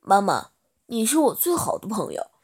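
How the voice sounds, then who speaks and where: A woman voicing a shy, stammering eighteen-year-old boy in a storybook reading, with a husky voice. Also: mid-range voice, big pitch swings, moderate pace, darkish tone. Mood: nervous, pleading. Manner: stammering, nervous.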